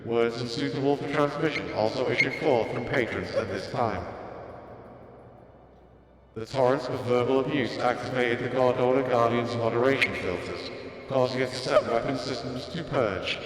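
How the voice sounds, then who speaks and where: A man's voice: mid-range voice, moderate pace, close to an everyday voice. A man voicing an emotionless robot assistant unit, reading game dialogue in a stiff, clipped robotic delivery. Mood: flat. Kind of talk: fan voice-over of game dialogue. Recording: very echoey room with long reverb.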